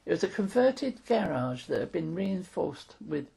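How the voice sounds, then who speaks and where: Gravelly old London woman, very husky. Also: on the low side, sing-song, moderate pace, warm tone. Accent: London English. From London, England. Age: 80s. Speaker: interviewee. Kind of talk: casual reminiscence of wartime childhood.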